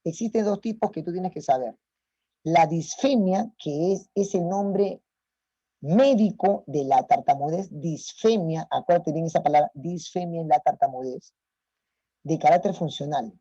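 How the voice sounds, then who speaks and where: Man lecturing, emphatic, dark tone, muffled dry audio. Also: a little high, unhurried, slightly rough, no room sound. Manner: emphatic, rhetorical questions to students. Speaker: teacher. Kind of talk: online lecture.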